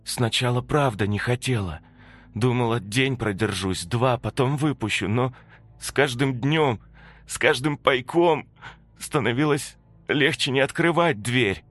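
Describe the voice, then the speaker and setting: A man's voice: mid-range voice, unhurried, pitched above the performer's own voice. A man doing a guilt-ridden old woman's ghost. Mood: remorseful. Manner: remorseful, quietly confessing.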